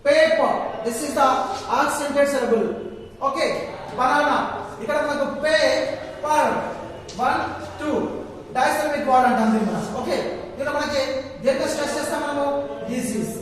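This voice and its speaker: A man with a Telugu accent teaching an English class, repeating and stretching words slowly and switching between English and Telugu. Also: extremely high pitch. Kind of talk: classroom lesson. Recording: very echoey classroom, distant mic, long reverb.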